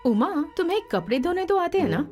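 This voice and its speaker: A woman's voice: extremely high pitch, very animated, a little fast, a little mellow, faint music behind. A woman dubbing the hero's blunt, bossy sister, scolding, in a film dub.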